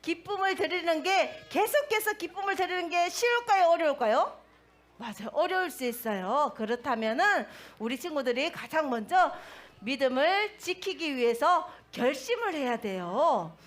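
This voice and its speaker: Woman, children's pastor, toddler sermon, high voice, very lively pitch, asks questions. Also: normal speed.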